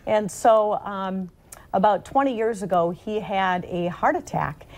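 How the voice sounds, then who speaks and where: Earnest woman telling her story, medium pitch. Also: a little slow, a little mellow. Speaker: auctioneer being interviewed. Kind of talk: earnest personal interview talk.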